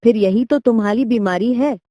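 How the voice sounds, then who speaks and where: A woman's voice: on the high side, moderate pace, warm tone, no echo, studio quality, pitched above the performer's own voice, lightly acted. A woman voicing a silly male donkey doctor who hands out odd advice with cheerful confidence, in a cartoon story. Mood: confident.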